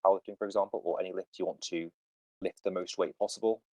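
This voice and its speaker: Answering a caller's fitness questions over a voice call, a man runs his casual podcast and lays out training ideas with confidence. His voice is low, dark, and steady at a fast clip, and the recording is dry and low in quality.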